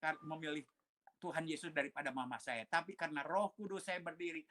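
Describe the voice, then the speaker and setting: A man's voice: on the high side, fairly even intonation, a little fast, pushed and bright. A man who is a pastor, giving an emotional personal testimony, telling his story animatedly, acting out the voices of others, and dropping in English phrases.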